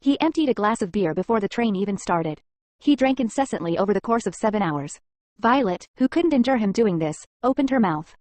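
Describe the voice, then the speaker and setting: A woman's voice: medium pitch, expressive, fairly quick, a little mellow, no echo. Woman narrating a story recap.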